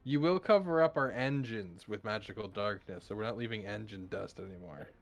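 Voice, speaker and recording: A man's voice: lowish voice, fairly quick. Chuckling man planning game moves. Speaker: player. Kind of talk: casual tabletop game chat.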